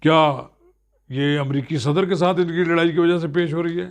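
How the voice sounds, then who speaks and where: A man's voice: a little high, steady tone, normal speed. A man with a Pakistani Urdu accent giving earnest political news commentary, explaining events to his viewers.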